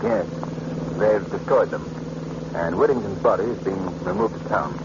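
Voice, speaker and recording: The Shadow, commanding vintage radio avenger. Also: male voice, low-pitched, expressive. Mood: dry, relaxed. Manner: commanding, theatrical, deliberate. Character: invisible male crime-fighting avenger, calm, commanding, mocking. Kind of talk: vintage radio drama acting. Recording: dull old radio, clear background noise.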